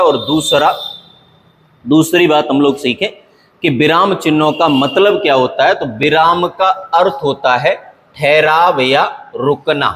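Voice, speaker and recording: A male grammar teacher with a fairly high voice, lecturing patiently and repeating each point. He slows right down to read example sentences with deliberate pauses. His voice rings with a long hall reverb. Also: a bit bright, a little hiss or hum. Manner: patient, repetitive explaining with frequent "okay" check-ins. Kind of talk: classroom lecture.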